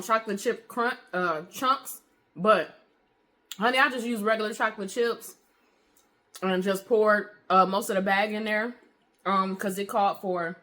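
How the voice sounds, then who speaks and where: A woman's voice: mid-range voice, pushed and bright. A woman chatting casually in a home baking vlog, with lots of fillers, calling her viewers honey and y'all. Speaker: vlogger. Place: home kitchen.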